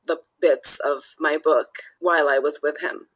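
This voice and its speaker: A woman's voice: low-pitched, steady tone, a little slow, fairly bright tone, breathy edge, poor audio. A woman from Nepal, a guest author talking through her thoughts in a casual interview, often restarting phrases and adding "you know.".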